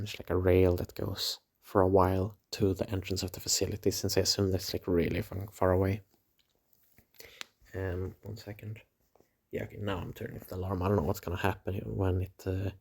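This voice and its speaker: A young man rambling casually through a dream log in a hazy, puzzled, halting way, as if piecing it together as he talks. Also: low-pitched, flat delivery, gravelly, darkish tone, husky. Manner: swears casually. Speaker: dream diarist.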